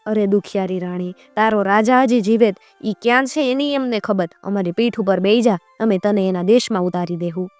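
A woman voicing a wise, gentle talking swan couple that advises a grieving queen in a folk tale. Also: mid-range voice, fairly quick, hardly any pauses, no room sound, faint music behind, close to an everyday voice. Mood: consoling.

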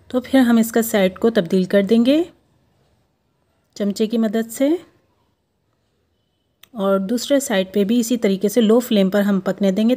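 A woman hosting a home cooking video, explaining each step of a recipe in a steady, instructive way. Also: medium pitch. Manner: steady, instructive, repeats steps. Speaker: cooking show host. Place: home kitchen.

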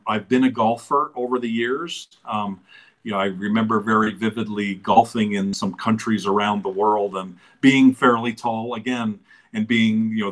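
A man in his sixties talking in a relaxed, thoughtful way as an interview guest, pausing often with fillers. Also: lowish voice. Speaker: interview guest, business founder. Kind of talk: casual conversational interview.

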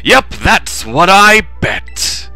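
An eager young male student adventurer from a video game, voiced by a man. He is easily flustered and speaks casually but dramatically. The voice is very bright and forceful, jumping widely in pitch over faint music. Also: sing-song, extremely slow, exaggerated voice. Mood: sheepish, casual. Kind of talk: acted video game dialogue reading.

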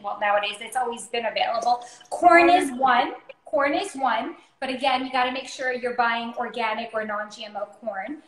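Chatty woman in her thirties, high voice, cooking-show co-host on a video call from a roomy home kitchen. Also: a bit bright. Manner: chatty, explanatory, many fillers. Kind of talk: casual cooking chat. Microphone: video call, laptop or phone camera.

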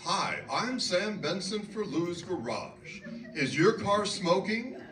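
A man in his seventies playing a brash 1960s TV garage pitchman, hammy and drawn out, in an echoey hall. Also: lively intonation, slow pace, a bit bright, heavily acted. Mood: salesy. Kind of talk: 1960s TV commercial announcing. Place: auditorium stage. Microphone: handheld mic. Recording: echoey hall, from far off, noisy.

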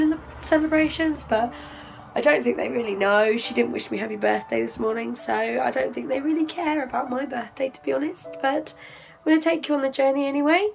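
Young woman, hoarse lost voice, high pitch, casual vlog chat, phone at arm's length indoors. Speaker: vlogger. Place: small plain room indoors.

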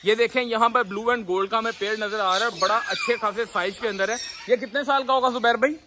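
A man in his thirties with a very high voice hosts a casual vlog and chats excitedly with viewers. He films himself on a phone held out at arm's length in an outdoor aviary. Clear noise sits behind him. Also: brisk. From Pakistan. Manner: excited, chatty, addresses viewers directly. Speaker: vlogger host. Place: large outdoor bird aviary. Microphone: phone camera held at arm's length. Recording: noisy outdoor phone recording. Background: birds squawking.

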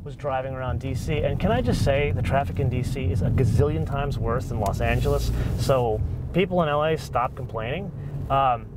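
A man's voice: mid-range voice, moderate pace. A man in his forties hosting a car review, talking with emphatic energy while driving and outdoors on a lapel mic. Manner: lively, emphatic, talks with his hands. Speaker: car show host. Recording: road and outdoor noise behind.

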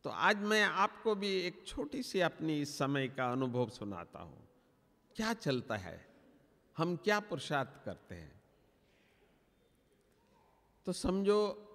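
Slow, higher-voiced male spiritual teacher. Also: very animated, fairly bright tone. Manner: storytelling, acting out his inner dialogue. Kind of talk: spiritual class talk. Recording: long hall reverb.

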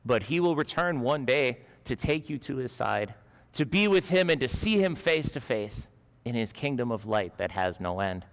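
A man in his forties delivers a school chapel sermon in an earnest storytelling manner, on a headset mic. His voice sits at an ordinary middle pitch. It rings out with the long reverb of a large chapel. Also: very animated, normal speed. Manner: earnest storytelling, gesturing with both hands. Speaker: school chaplain preaching. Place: school chapel stage with a lectern.

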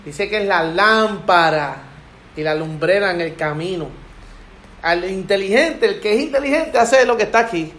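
Animated high-voiced man preaching. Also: normal speed. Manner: animated storyteller, preachy, acts out quotes. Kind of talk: casual faith testimony chat. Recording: echoey room with background noise.

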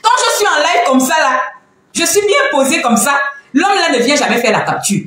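A woman hosting a casual live stream from home, talking in an animated, teasing way and laughing often. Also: high voice, normal speed. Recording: very echoey room, faint background noise.

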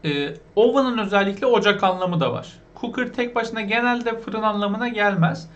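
Turkish guy teaching english words, kinda high pitched, asks questions a lot, audio a bit dull. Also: a bit bright. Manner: asks the viewers questions, repeats the words slowly. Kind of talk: vocabulary lesson for beginners.

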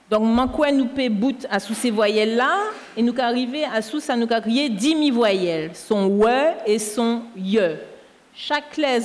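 Martinican Creole woman spelling out words. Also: fairly high pitch. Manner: patient, spells words out letter by letter. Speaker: language teacher correcting a dictation. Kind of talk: explaining spelling rules live on air. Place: school canteen hall. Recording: echoey hall.

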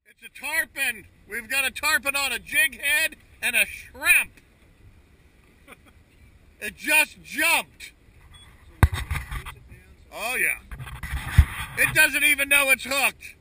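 Middle-aged guy on a boat yelling into his action cam, real high bright voice, bit of wind noise. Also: slow, long pauses, rough recording. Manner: excitable, hollering. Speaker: fishing charter captain. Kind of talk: excited on-boat commentary. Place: small boat out on the sea. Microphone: action camera held at arm's length.

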